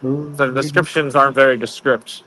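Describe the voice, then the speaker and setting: A hesitant man talks in a casual group video chat. He sounds unsure and uses many fillers. His voice is bright and tense. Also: mid-range voice, steady tone, moderate pace, rough recording.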